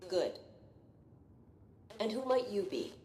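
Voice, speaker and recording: A woman's voice: medium pitch, sing-song, slow, warm tone. A woman playing a composed, commanding pirate captain in a video game. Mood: composed authority. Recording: roomy echo, faint background noise.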